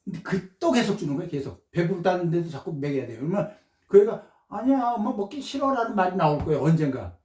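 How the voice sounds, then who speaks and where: A man's voice: on the high side, expressive, fast talker, mellow. A man who works as a diet coach explains his advice step by step and briefly acts out what parents and children say. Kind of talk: explanatory talk to camera. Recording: echoey room, mic far off.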